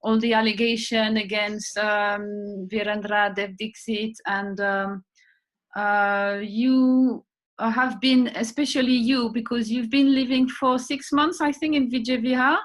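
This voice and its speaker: A woman's voice: fairly high pitch, little pitch movement, measured pace. A woman interviewing a guest, asking questions hesitantly with many fillers.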